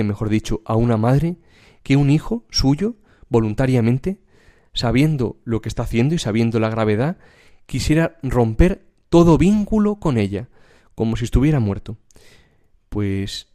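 A man's voice: medium pitch, mellow. A man preaching a devotional sermon and reading a spiritual text aloud, in an earnest, emphatic cadence.

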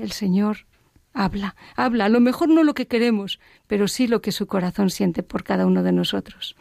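Earnest woman with a gravelly voice. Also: mid-range voice, dry recording, clean studio sound. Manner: earnest, reflective, drops to a hushed whisper at times. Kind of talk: personal faith testimony.

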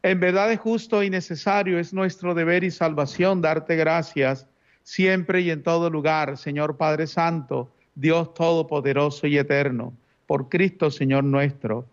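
A man's voice: a little high, fairly even intonation, unhurried, muffled recording. A man speaking as a priest at Mass, reciting liturgical prayers in a solemn, formal manner.

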